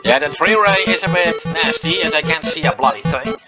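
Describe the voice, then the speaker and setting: A man's voice: a little high, brisk, over loud music. A man giving casual let's-play commentary on an old adventure game, reading its text aloud between chatty asides full of fillers. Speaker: gameplay commentator.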